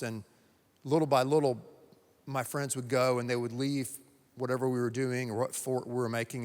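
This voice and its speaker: A man from North Carolina, a pastor delivering a sermon with emphatic, repetitive phrasing and dramatic pauses. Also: medium pitch. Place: church sanctuary. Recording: long reverb of a church sanctuary.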